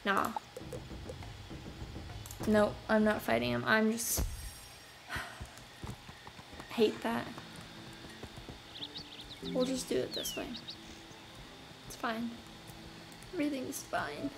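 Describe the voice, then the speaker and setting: A woman's voice: on the high side, drawn-out words, long pauses, rough recording. Chatty young woman over game music. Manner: chatty, rambling, self-talking with sighs and fillers. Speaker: gameplay video host. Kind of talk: casual gameplay commentary. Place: apartment. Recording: game music clearly behind voice.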